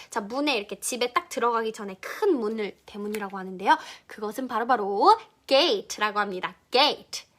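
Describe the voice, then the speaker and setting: A young woman teaching a children's pronunciation lesson, her voice high and bright. She talks at an unhurried pace and repeats each word clearly. Her pitch rises and falls in a very lively way.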